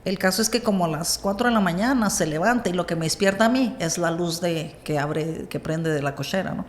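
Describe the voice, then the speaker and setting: A woman with a Mexican accent, a podcast guest, telling a personal story in a lively way and acting out what others said. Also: fairly low pitch, brisk, slight background noise. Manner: animated retelling, acts out quoted dialogue.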